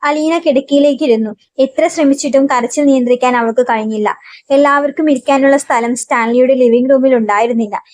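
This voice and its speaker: A woman narrating a novel aloud in a steady storytelling manner. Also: sits high, fairly quick, no echo.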